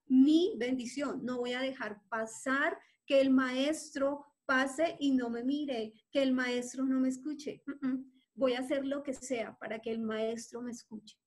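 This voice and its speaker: A woman's voice: high-pitched, steady tone, unhurried. A woman preacher acting out a desperate blind male beggar who cries out with pleading insistence. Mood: determined pleading.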